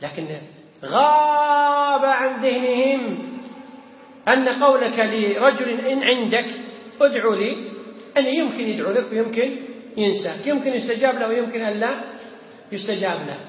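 A man giving a religious lesson on a text, animated and firing rhetorical questions at his students. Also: very high-pitched, normal speed, long pauses, a little hiss or hum. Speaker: religious teacher. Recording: echoey hall, dull audio.

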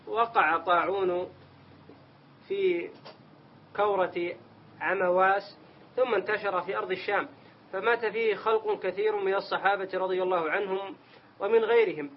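A man reading religious texts aloud in a lesson, careful and formal, stopping now and then to ask the teacher a question. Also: sits high. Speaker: student reading the text aloud. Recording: dull lo-fi sound with faint noise.

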